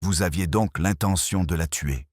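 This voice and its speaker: A man reading the lines of a shrewd, calm elderly woman detective in a storybook tale, speaking gently and measured. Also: deep voice, no room sound, studio quality. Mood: quietly firm.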